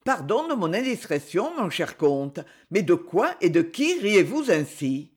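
A man's voice: high-pitched, very animated, a little slow, breathy edge, full character voice. A man voicing a polite, earnest middle-aged count in an audiobook.

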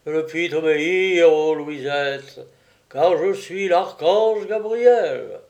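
A man's voice: on the high side, takes it slowly, darkish tone, muffled recording. A man voicing a drunken man who pretends to be a solemn archangel, pompous and slightly slurred. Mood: mock-solemn.

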